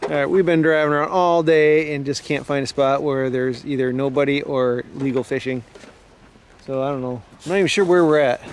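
A fishing vlogger films his trip outdoors by rivers and a lake, narrating in a laid-back way and trailing off with easy chuckles. His medium-pitched voice is steady and brisk, with slight background noise.

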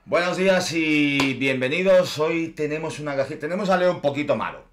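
A man's voice: a little high, a little fast, crowd noise. A man in his forties with an accent from Spain, hosting with casual, colloquial, playful chat. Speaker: host. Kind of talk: casual chat, unboxing commentary. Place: small room indoors at a desk. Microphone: desk microphone.

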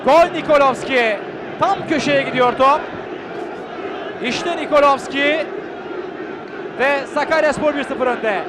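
Excited high-pitched male football commentator. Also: slow pace, long pauses. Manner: excited, shouting at goals and chances; clipped phrases, calling out player names. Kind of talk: live play-by-play match commentary. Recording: loud crowd and noise behind. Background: stadium crowd.

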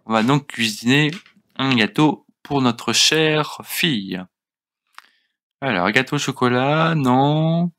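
Male let's play host, young adult, mid-pitched, unhurried casual commentary addressed to his game characters. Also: a bit bright. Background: faint game music.

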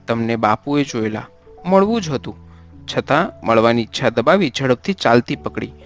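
A serene male ascetic, voiced by a man reading aloud, steady and admonishing in a storybook. His voice sits in a middling pitch. Soft music plays faintly underneath. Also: moderate pace, lightly acted. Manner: steady admonishing, then gentle.

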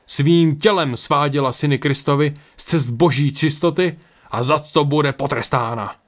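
A man voicing a zealous, fanatical medieval priest who preaches loudly and condemns. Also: mid-range voice, close to an everyday voice. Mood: condemning.

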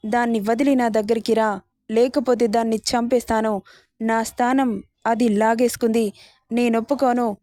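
A woman voicing an obsessed, jealous young woman who shouts and pleads for the man she wants. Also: a little high, no echo, natural voice.

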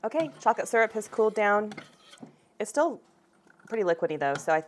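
A woman in her thirties casually talking through a recipe in her home kitchen, relaxed and chatty, picked up by a camera across the room. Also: medium pitch, a little fast, slight background noise. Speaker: home cooking vlogger. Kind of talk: casual cooking demonstration.

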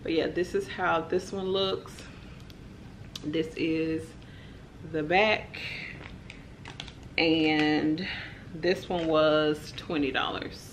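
A woman's voice: deep voice, very slow, long pauses, slight background noise. A young woman, chatting casually to camera as she shows off her shopping haul. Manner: chatty, relaxed, lots of "like" and "y'all". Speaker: vlogger.

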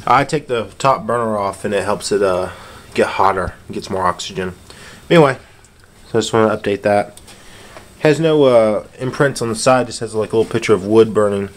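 Talking fairly quickly in a lowish voice, a home DIY video maker casually narrates his hands-on repair without any polish. The clicks and noise of handheld camera audio come through, since a camera or phone behind the lens is doing the recording.

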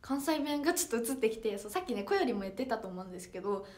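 This teenage girl, sixteen and from Toyama, Japan, has a higher-pitched but darkish voice that swings widely in pitch as she races along. Her Toyama-dialect livestream chat is polite and casual, full of fillers as she reads viewers' comments.

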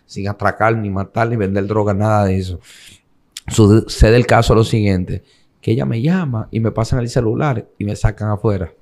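Low-voiced young Dominican man. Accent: Dominican, Cibao region. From Dominican Republic. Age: young adult. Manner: animated retelling, acting out the voices of others in quotes. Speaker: interview guest. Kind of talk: casual storytelling in an interview.

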